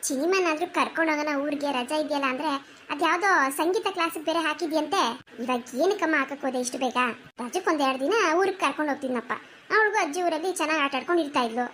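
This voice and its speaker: A woman's voice: high voice, very fast, fairly bright tone, slight background noise. A woman voicing an older mother in a cartoon, chatty and complaining.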